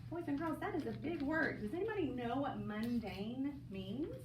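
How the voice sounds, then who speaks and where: A woman's voice: high voice, lively intonation, moderate pace. A woman teacher leading a classroom phonics lesson, upbeat and coaxing as she calls on students by name. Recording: roomy, distant mic, audible noise.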